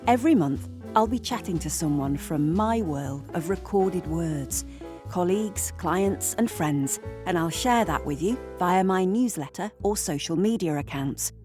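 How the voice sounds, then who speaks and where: A woman's voice: lowish voice, expressive, measured pace. A woman hosting an interview podcast, opening with a welcome and then asking friendly questions. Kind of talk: hosted interview. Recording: dry close mic with soft music.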